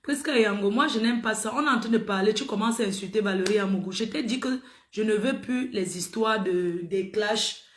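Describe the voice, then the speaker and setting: A middle-aged woman hosts a casual livestream, scolding her viewers in an exclamatory way. She speaks briskly in a mid-range voice with a little hiss or hum present. The room gives the recording a noticeable echo.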